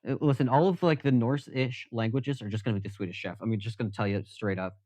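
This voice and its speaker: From his workbench, a man livestreams, chatting casually and jokingly with lots of fillers as he works. His mid-range voice is fast and a little mellow, and the dry stream audio sounds dull and slightly lo-fi.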